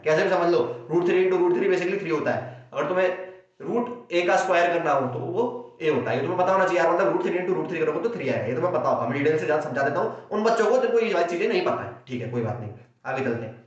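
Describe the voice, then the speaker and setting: A young man with an Indian Hindi accent races through an exam-prep maths lesson in a high voice, repeating himself and voicing his students' doubts before he answers them. The sound is dull and lo-fi, in a very echoey room. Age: young adult. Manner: rapid, repetitive, acts out student questions and answers them. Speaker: maths tutor.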